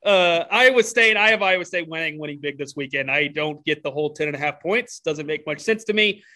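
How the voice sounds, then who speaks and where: Higher bright-voiced guy running through spreads, dry jokes. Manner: measured, lists lines and spreads, dry jokes. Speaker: sports podcast co-host. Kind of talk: casual sports betting chat.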